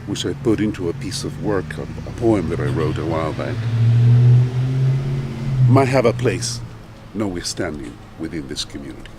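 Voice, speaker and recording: An older man from Chile gives a solemn, measured speech at an outdoor memorial. His voice is very low and he talks slowly, with long pauses. A faint hiss and outdoor ambience sit behind him. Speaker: poet. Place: outdoor garden gathering. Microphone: far from the mic.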